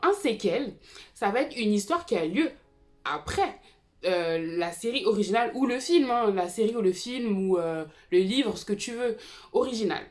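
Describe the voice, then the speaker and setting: A woman's voice: mid-range voice, expressive, moderate pace. A woman in her twenties chatting casually to viewers about TV series, with frequent fillers and asides. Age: 20s. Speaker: YouTube TV series commentator. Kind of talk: casual explainer vlog.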